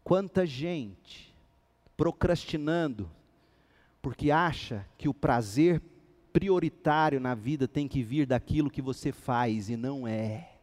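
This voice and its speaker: A male pastor preaching a sermon with animated storytelling, acting out the dialogue in his stories. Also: medium pitch, slow.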